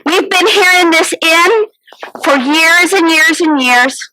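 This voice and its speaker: A woman's voice: very high-pitched, slow pace, sharp tone, a little hiss or hum, full character voice, poor audio. A woman playing a fretful, business-minded innkeeper's wife, telling her story in a theatrical monologue. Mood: kvetching. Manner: kvetching, theatrical, sighing and exclaiming. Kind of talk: first-person character monologue.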